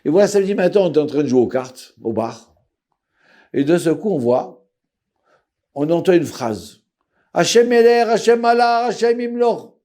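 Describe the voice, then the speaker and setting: A man, telling a personal story in a lively way and acting out the voices. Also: fairly high pitch, normal speed, long pauses. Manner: lively, acts out voices, swings loud and soft.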